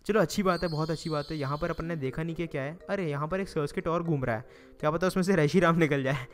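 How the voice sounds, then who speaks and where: A man's voice: on the high side, fast talker, slight background noise. A young man with an Indian Hindi accent giving casual, chatty commentary on a game he is playing, groaning dramatically and pleading with the game. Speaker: gaming YouTuber. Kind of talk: casual Let's Play commentary. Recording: faint music behind.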